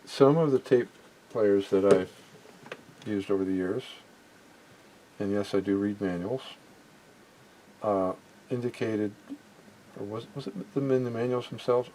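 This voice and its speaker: This is a rough home recording, with background noise, of an older or middle-aged man demonstrating vintage electronics gear without a script. He speaks on the low side with a darkish tone. His thoughts come out hesitantly and frequently trail off before he finishes.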